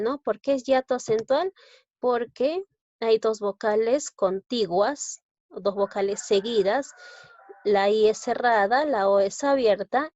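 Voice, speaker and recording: Slow, careful Peruvian woman teaching. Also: medium pitch, a little mellow. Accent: Peruvian Spanish. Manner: explains step by step, often checks with "¿no?" and "¿ya?". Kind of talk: slow, deliberate grammar lesson. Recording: dull, lo-fi dry recording.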